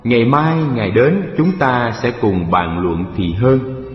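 A man's voice: medium pitch, sing-song, measured pace. A man storyteller voicing a busy, worldly rich Brahmin in his eighties, in a fireside storytelling manner. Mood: dismissive, polite. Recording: echoey hall reverb, dull sound, music behind.

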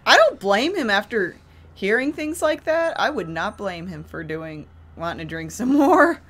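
A woman's voice: medium pitch, sing-song, normal speed, fairly bright tone. A woman hosting a horror reaction video who comments casually, ranting and exclaiming in fright.

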